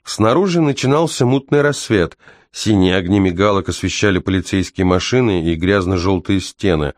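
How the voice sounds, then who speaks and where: A man with a low voice reads a story aloud in measured, tense narration. He slows down for the dramatic beats. The recording is dry and close, with no room sound. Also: dry recording. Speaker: audiobook narrator. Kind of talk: scripted narration.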